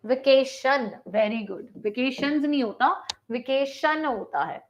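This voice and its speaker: A woman with an Indian English accent teaching a live online grammar class, mixing Hindi and English, reading each sentence slowly, then explaining quickly. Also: sits high, expressive, rough recording.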